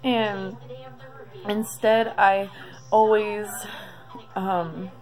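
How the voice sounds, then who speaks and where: A woman in her thirties talking through a confessional video diary, emotional and close to tears, halting with many pauses. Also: medium pitch, fairly even intonation. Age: 30s. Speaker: vlogger.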